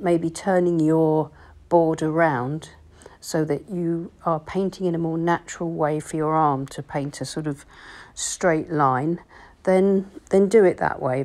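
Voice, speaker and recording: Calm low-voiced woman teaching painting. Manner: calm, explanatory, gently instructive. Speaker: watercolour teacher. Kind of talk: painting tutorial voice-over.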